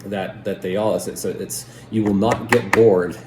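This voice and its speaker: Speaking unhurriedly in a lowish, dark voice with fairly even intonation, a man from the United States reviews pipe tobacco casually. He rambles, hesitates and keeps returning to qualify his points, and the audio carries a roomy echo and faint background noise.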